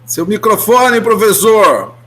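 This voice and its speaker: A man's voice: high voice, sing-song, slow pace, pushed and bright. A man hosting a community radio show, chatting casually and rambling with restarts. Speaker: radio host.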